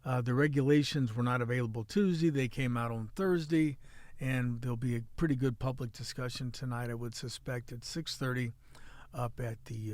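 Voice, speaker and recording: A man's voice: medium pitch, darkish tone, dry recording. Chatty Midwestern man hosting a podcast. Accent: Midwestern American. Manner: joking, chatty, rambling with restarts. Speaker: podcast host and city editor. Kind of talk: casual podcast chat and news rundown.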